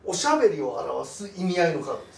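A man's voice: a little high, big pitch swings, quick pace, creaky, a crowd in the background. A man who is a psychic comedian, chatting in a meeting, polite and apologetic, explaining things at length. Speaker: psychic comedian doing tarot. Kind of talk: casual meeting chat. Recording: roomy sound from a distant mic with music. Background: background music.

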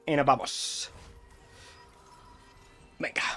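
A young man from Spain with a Spanish accent, chatting excitedly to viewers while commentating his own gameplay. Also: drawn-out words, faint music behind. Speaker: streamer playing a video game.

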